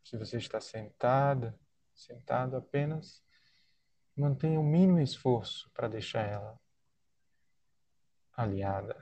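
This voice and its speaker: Slow, soothing Brazilian man guiding relaxation. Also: medium pitch, mellow, dry recording. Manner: soothing, unhurried, with long pauses between short phrases. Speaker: guided meditation leader. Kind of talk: guided body-scan relaxation.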